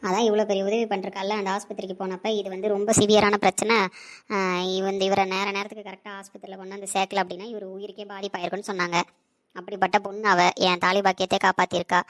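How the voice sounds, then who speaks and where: A woman's voice: mid-range voice, flat delivery, fast, natural voice. A woman playing a grateful middle-aged wife who politely and patiently explains herself. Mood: earnest. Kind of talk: family drama acting.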